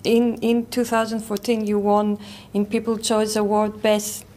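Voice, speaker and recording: A woman interviewing a guest, asking questions with many halting restarts. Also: mid-range voice, completely flat delivery, warm tone. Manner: halting, many restarts, non-native phrasing.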